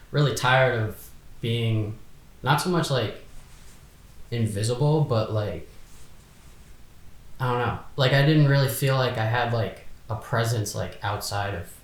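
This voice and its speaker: A man's voice: mid-range voice, measured pace, pauses often, roomy sound. A man in his twenties, a podcast guest talking casually and hesitantly, full of fillers and restarts. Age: 20s. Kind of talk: casual chat.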